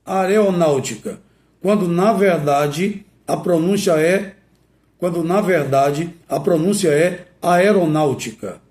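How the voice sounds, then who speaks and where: A male teacher giving a didactic lesson, speaking deliberately and spelling words out letter by letter. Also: fairly high pitch, a little mellow, reverberant. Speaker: Portuguese language teacher.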